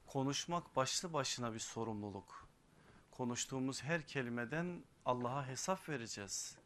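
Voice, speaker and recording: A man's voice: mid-range voice, fairly bright tone. A man delivering a sermon at a pulpit microphone, solemn and building in rhythmic lists. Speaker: preacher.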